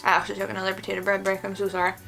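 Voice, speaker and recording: Woman, Northern Irish accent, bright crisp-edged tone, mid pitch, casual chatty explainer, light background music. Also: completely flat delivery, very fast. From Northern Ireland. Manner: informal, acts out short example exchanges. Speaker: host of an online video channel.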